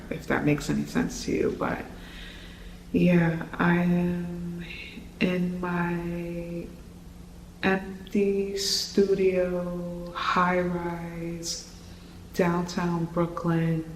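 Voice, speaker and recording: A vlogger talks in a gushing, informal way in an echoey empty room, a little far from the mic. The delivery is unhurried and stays in a fairly narrow pitch range, like a casual home tour. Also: a little hiss or hum. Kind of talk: casual apartment tour vlog. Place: empty high-rise studio apartment, indoors.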